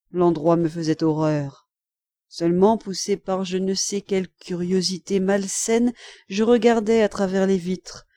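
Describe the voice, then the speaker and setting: Woman, audiobook reader, mellow warm tone, measured expressive storytelling, dry close recording. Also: medium pitch, no room sound. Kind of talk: scripted literary narration.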